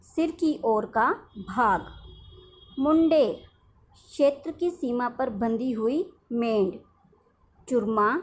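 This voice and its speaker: A woman teacher, giving a lesson to a primary school class, reading out words one by one and explaining them. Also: on the high side. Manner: slow, dictating words one at a time with explanations.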